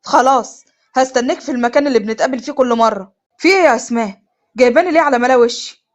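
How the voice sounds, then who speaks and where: امرأة تؤدي دور شاب متهرب وغير مبالٍ، بلهجة مصرية. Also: female voice, high voice, very fast, close to an everyday voice. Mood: dismissive. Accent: Egyptian. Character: evasive careless young boyfriend.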